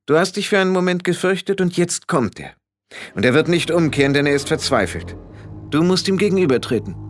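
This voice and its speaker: A man putting on a stern old witch grandmother in a storybook reading, calm and unhurried with quiet authority. Her voice still rises and falls a good deal, over faint music. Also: a little high, voice pushed up. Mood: commanding.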